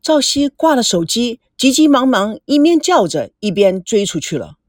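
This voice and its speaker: A woman narrating a novel as an audiobook, expressive and voicing the young characters too. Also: fairly high pitch, moderate pace, dry recording, studio quality.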